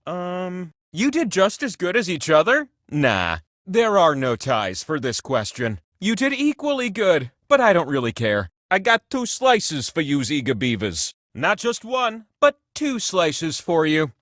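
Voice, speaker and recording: A high-pitched, boastful giant talking game-show wheel. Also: male voice, huge pitch swings, measured pace, a bit bright, dry recording, clean studio sound, full character voice. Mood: teasing, dismissive, then showy, playful. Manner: grandiose, teasing, folksy showmanship. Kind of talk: theatrical video game host narration.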